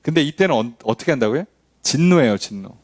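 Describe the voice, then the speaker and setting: Talking fast in a medium pitch, a pastor teaches a Bible study casually and conversationally. He's lively, posing rhetorical questions to the congregation and performing the voices of the people he quotes.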